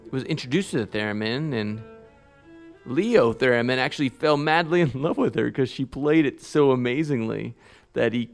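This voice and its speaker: A man's voice: medium pitch, vocal fry. A man hosting a radio music show, introducing songs in an easygoing, rambling way with casual asides.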